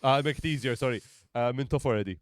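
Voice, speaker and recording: A man's voice: medium pitch, quick pace, no echo, clean studio sound. A man, a comedian chatting as a podcast guest, rambling and playful with plenty of swearing. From Malta. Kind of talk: casual chat.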